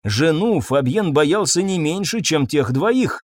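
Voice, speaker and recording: A man narrates an audiobook with a dramatic, expressive reading. His pitch is somewhat high and swings widely, recorded close and dry. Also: slow pace, no room sound.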